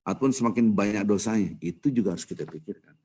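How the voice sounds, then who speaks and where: Husky-voiced lively male preacher. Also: on the low side, fast. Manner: lively, conversational, jokes and sudden loud emphasis. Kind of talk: casual dawn mosque lecture. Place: mosque.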